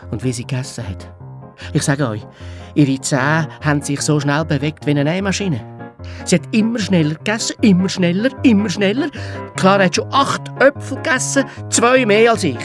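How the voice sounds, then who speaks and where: A man with a Swiss German accent narrating a children's audio story in a playful, childlike first person. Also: fairly high pitch. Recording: dry studio read with soft music.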